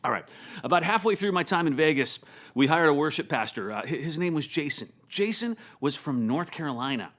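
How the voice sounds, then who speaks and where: A male pastor preaching a sermon in an animated storytelling manner, often repeating words as he goes. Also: fairly high pitch, brisk.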